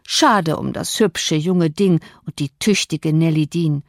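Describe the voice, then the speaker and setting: A gossipy middle-aged housemaid from a storybook reading, put on by a woman narrator, pitched well above her usual speaking voice. She chatters on eagerly about rumours. Dry, close recording with no room sound. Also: slow pace, no room sound.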